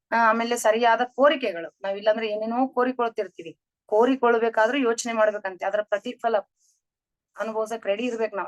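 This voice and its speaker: A woman's voice: on the high side, no room sound. A middle-aged woman giving an earnest spiritual talk on meditation, explaining terms and quoting her teacher. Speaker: meditation speaker.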